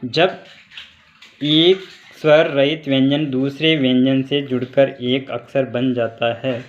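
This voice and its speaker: A man teaching a school Sanskrit grammar lesson, asking questions and answering them himself, and spelling sounds out slowly syllable by syllable. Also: mid-range voice, flat delivery, muffled recording, slight background noise.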